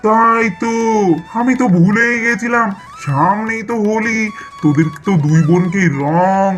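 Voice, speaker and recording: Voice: mid-range voice, a little slow, fairly bright tone, soft background music, close to an everyday voice. A performer doing a doting cartoon uncle. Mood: coaxing. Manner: cheerful, coaxing.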